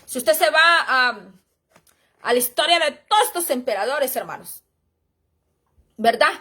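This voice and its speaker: A woman's voice: high voice, lively intonation, unhurried, sharp tone. A middle-aged woman gives an informal church history lesson, reading aloud and chatting between passages, often calling her listeners brothers and sisters. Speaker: Bible teacher.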